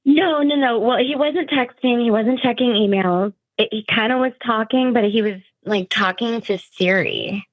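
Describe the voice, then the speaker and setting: A woman's voice: a little high, normal speed, hardly any pauses, no echo, rough recording. A woman heard over the phone on a radio call, hesitant and full of fillers. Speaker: caller reached by phone. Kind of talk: casual phone conversation.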